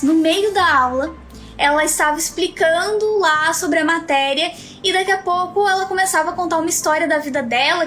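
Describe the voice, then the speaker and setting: A Brazilian woman with a very high voice teaches public speaking in a live stream, talking straight to her viewers. She explains her points in a clear, instructive way and sometimes puts on quick example voices. Soft music plays faintly behind her. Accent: Brazilian Portuguese. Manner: didactic, direct address to viewers, acts out example voices. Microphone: phone.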